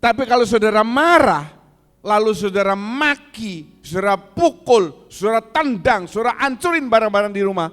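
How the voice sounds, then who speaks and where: A man's voice: sits high, animated, moderate pace, fairly bright tone, in a large hall. A man preaching a sermon as pastor, asking the congregation questions and acting out angry insults in a raised voice. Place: church hall.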